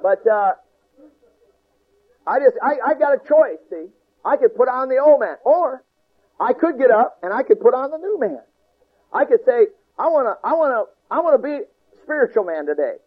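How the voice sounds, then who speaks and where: High-pitched guy preaching a sermon, folksy and emphatic, repeats himself a lot, tinny radio sound. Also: big pitch swings, normal speed, breathy edge.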